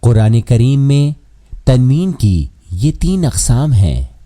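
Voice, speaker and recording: A man teaching Quran pronunciation rules in a measured, scripted lesson. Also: medium pitch, big pitch swings, warm tone.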